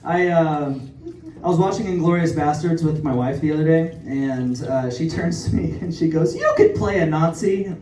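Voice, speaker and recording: A man's voice: on the high side, fairly even intonation, normal speed, warm tone, a little hiss or hum. Young male stand-up, self-deprecating and rambling; room echo and a far mic. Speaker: stand-up comedian. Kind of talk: stand-up comedy set. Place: comedy club stage. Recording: echoey club from far off, with crowd. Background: audience laughter.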